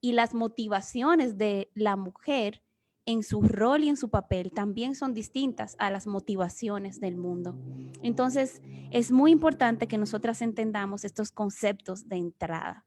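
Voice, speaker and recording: A Dominican woman with a Dominican Spanish accent offers an earnest, explanatory Bible teaching as a guest, speaking a little slowly in a mid-range, slightly mellow voice. The remote video session audio carries a bit of hiss or hum.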